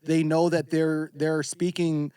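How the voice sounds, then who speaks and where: A man chatting as a podcast guest, his voice sitting a little high. He tells stories in an animated, profane way, often breaking into mocking impressions of other people. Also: slow pace, clear, resonant tone, no echo. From former Navy serviceman. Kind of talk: casual podcast chat.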